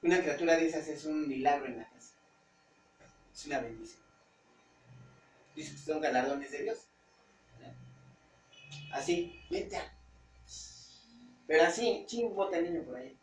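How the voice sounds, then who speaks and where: A man's voice: on the high side, expressive. A male pastor with a Mexican accent speaks in a slightly raised voice. He talks to his congregation in a loose, chatty way, stopping to hunt for words. The mic sits far off in a reverberant church hall, with a faint hum underneath. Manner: conversational, halting, searches for words. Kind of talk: informal Bible-study preaching.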